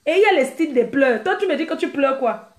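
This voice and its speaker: Brash, teasing female stream host with a high voice, recorded in an echoey room. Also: fast. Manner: brash, teasing, laughs often; animated, mimics crying sounds. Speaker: live-stream host answering viewers. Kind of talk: casual live-stream chat.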